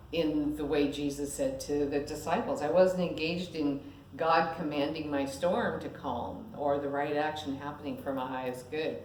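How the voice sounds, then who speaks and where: A woman minister delivering a sermon who tells personal stories in an animated way and laughs at herself. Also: sits low, a little hiss or hum. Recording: echoey room.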